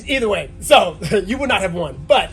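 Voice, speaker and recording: A man with a high voice talks like an entertainment host in casual conversation. He is excitable and jokey and likes to repeat his phrases. Music plays clearly in the background. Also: normal speed. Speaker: cruise director and game show host. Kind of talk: casual bantering interview.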